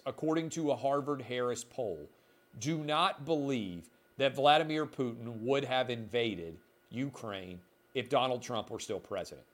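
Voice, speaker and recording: A middle-aged man hosting a solo opinion podcast, talking emphatically and indignantly, with sarcastic asides. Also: mid-range voice. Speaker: podcast host.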